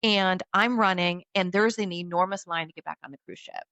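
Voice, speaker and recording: A woman telling a dramatic personal story in casual chat, animated and acting out the voices of others. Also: on the low side, fairly quick, no room sound, highs cut off. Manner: animated, acts out quoted voices.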